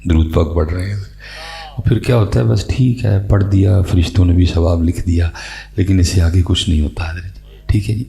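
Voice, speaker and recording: A man giving a religious talk at a conference, opening with slow chanted recitation and then preaching in a close, conversational way. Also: low-pitched, vocal fry, warm tone. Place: conference stage.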